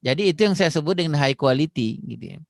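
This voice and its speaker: A man's voice: on the high side, animated, fast, no room sound, studio quality. A man speaking on parenting in a casual, explanatory way, dropping frequent fillers and acting out little dialogues. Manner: explains with many "gitu" fillers, acts out phone dialogues.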